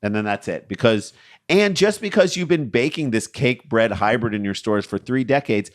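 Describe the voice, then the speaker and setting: A man co-hosting a comedy podcast, riffing sarcastically in quick banter. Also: medium pitch, expressive. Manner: sarcastic, mocking. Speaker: podcast co-host.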